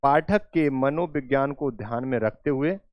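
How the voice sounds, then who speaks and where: A male teacher giving a lecture who repeats phrases slowly and keeps checking that students follow. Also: mid-range voice, no echo, lo-fi sound. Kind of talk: classroom lecture with examples. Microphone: recording while writing on a board.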